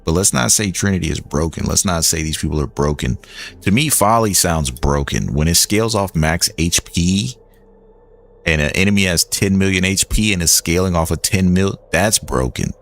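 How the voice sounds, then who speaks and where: Deep-voiced young man rambling on stream. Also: expressive, normal speed, gravelly. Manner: rambling, loose, with lots of "like" and restarts. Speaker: game streamer. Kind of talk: casual gaming commentary.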